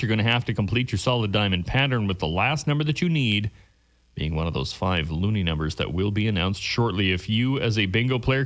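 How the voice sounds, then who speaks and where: A man working as a bingo caller on local radio, announcing the games in a formal, measured, courteous way. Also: mid-range voice, a bit bright.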